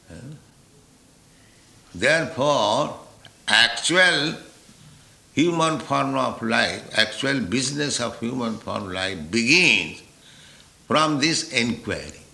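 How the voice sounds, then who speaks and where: Male spiritual teacher, slow and deliberate, forceful gravelly voice, roomy echo. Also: mid-range voice. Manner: deliberate, with rhetorical "huh?" checks. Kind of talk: philosophical lecture.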